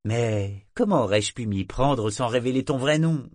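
A man's voice: medium pitch, unhurried, dry recording, studio quality. Man voicing Ophélie, a rich-voiced ship figurehead. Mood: protesting. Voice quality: rich timbre. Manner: energetic, chiding. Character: lively female living ship figurehead, fond and teasing.

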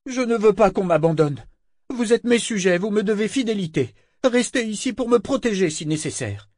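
A man's voice: high voice, big pitch swings, normal speed, a little mellow, dry recording, clean studio sound, voice pushed up. A man voicing a petulant, cowardly little governor who whines and demands. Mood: demanding. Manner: whiny, demanding.

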